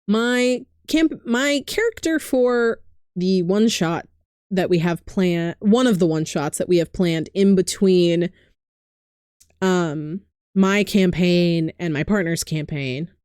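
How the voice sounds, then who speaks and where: A woman's voice: fairly low pitch, slow pace, a little mellow, clear, resonant tone, dry recording, studio quality. A woman vlogger rambling casually about her hobbies, often correcting herself and laughing. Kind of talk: casual chatty monologue.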